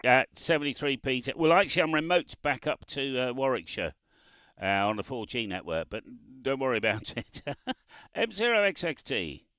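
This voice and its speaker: A man's voice: mid-range voice, very animated, normal speed, fairly bright tone, clear, resonant tone, dry recording. A man chatting on amateur radio, laughing often and spelling out call signs. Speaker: ham radio operator. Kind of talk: casual radio chat. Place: parked car by the road, remote radio.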